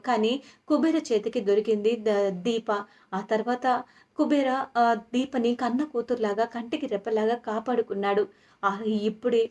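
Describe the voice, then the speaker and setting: Brief: guilt-ridden older woman, pleading and begging forgiveness, read by a woman narrator, voice on the high side. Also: darkish tone, close to an everyday voice.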